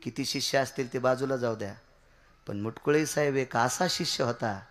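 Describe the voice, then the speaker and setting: Dramatic preacher shouting, then murmuring. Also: male voice, normal speed, slight background noise. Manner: dramatic, swings from loud shouts to low murmurs; repeats key words for emphasis. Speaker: kirtan preacher. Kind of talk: devotional kirtan sermon.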